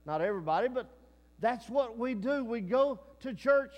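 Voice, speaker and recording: A man's voice: extremely high pitch, animated, normal speed, darkish tone, big-room sound, dull audio. A man from Texas, preaching a folksy, conversational sermon and often turning to the congregation with questions. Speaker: pastor.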